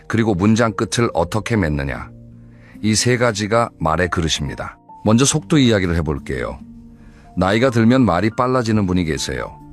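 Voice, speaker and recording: Deep-voiced man calmly giving advice. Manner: calm, measured and advising, speaking directly to the listener. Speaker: narrator of advice videos for older listeners. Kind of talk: scripted narration.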